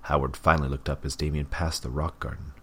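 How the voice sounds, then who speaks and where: A man narrating an audiobook in a measured, even way. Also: rumbling low, breathy edge.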